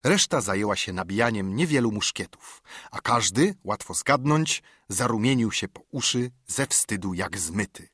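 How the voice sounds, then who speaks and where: A man reading an audiobook in measured, even storytelling narration, recorded on a studio mic. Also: fairly low pitch, slightly rough, no echo. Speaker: audiobook reader. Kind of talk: scripted narration.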